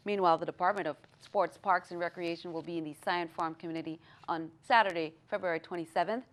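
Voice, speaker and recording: A woman news anchor reading scripted news in a measured, formal announcer delivery. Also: lowish voice.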